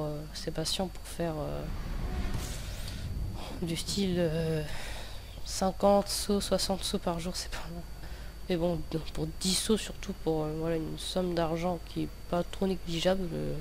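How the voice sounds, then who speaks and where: A young man with a lisp that slurs his s sounds, giving hesitant, rambling, self-correcting commentary over gameplay. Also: high-pitched. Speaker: gaming video host. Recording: noticeable background noise.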